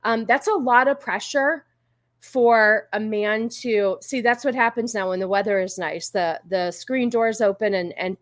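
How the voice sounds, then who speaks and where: A woman's voice: mid-range voice, a little slow, no room sound. A woman hosting a livestream, chatting casually and informally with viewers, rambling and easily sidetracked. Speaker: livestream host. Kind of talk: casual chat with live viewers.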